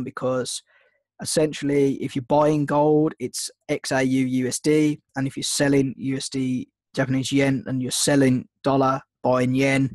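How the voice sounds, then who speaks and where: This man's medium-pitched voice has a darkish tone, with no room sound around it. He's a trading mentor with a slight cold, hosting a webinar and teaching casually over screen share. His talk rambles, full of ums and restarts.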